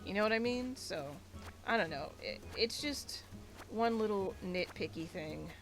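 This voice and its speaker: A woman streamer rants in a casual, rambling way while she plays, piling on filler words and restarting her sentences. Her voice sits at an ordinary middle pitch for a woman. Soft game music plays quietly underneath. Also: expressive, unhurried. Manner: rambling, ranty, many filler likes. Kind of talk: casual gaming livestream commentary.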